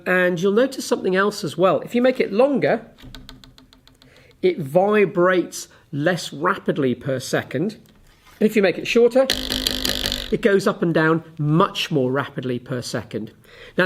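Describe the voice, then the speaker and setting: A male physics teacher talks straight to his pupils in a relaxed classroom manner. He fills his pauses with ums and works through ideas step by step while handling a ruler and a tuning fork. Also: a little high. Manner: chatty, fills pauses with ums, demonstrates with objects. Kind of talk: relaxed classroom explanation to camera.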